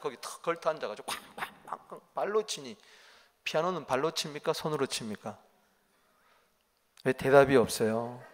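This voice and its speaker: A pastor preaching a sermon, firing rhetorical questions at the congregation and swinging from loud to quiet. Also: male voice, mid-range voice. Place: church sanctuary. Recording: long church reverb.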